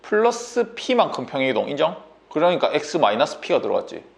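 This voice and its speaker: Coaxing, gravelly male math tutor. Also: a little high, wildly swooping pitch, normal speed. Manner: bossy, coaxing banmal, constant checks like "인정?" and "됐니?". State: sore throat. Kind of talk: whiteboard math lesson.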